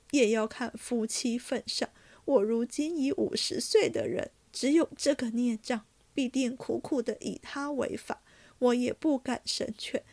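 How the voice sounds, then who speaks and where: Storybook voice: a woman doing a sobbing middle-aged mother, high and pleading, dry close sound. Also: vocal fry, dry recording. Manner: tearful, pleading.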